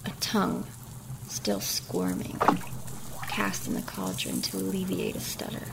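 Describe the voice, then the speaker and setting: A woman narrating a horror story in a hushed voice that often drops to a whisper. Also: on the low side, very animated, unhurried, creaky, very noisy. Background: music.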